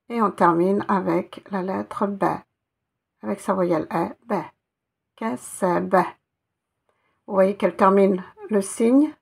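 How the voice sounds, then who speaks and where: A woman's voice: medium pitch, creaky, slightly rough. A woman teaching Arabic letters one by one, patiently spelling out each sound and repeating it. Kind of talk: step-by-step reading lesson.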